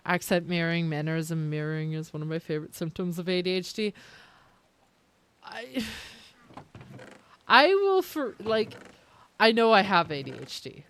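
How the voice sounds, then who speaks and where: A woman's voice: on the low side, a bit bright, a little hiss or hum. A young Canadian woman streaming a game, chatting casually with her viewers in a rambling, self-interrupting way and laughing often. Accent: Canadian, with some British-sounding words. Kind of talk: casual chat with live chat while gaming.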